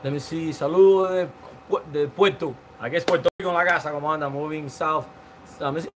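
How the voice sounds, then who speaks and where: This Cuban man in his forties talks fast in a steady, highish voice against a noisy background. Hosting a casual live stream from an outdoor patio among palm trees, he rambles through viewer comments in a chatty way, greets people by name, and piles on fillers and restarts.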